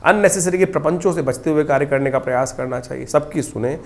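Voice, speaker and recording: A man's voice: a little high, fast talker, gravelly. A man speaking as an astrologer, giving a horoscope talk in an explanatory, advising way.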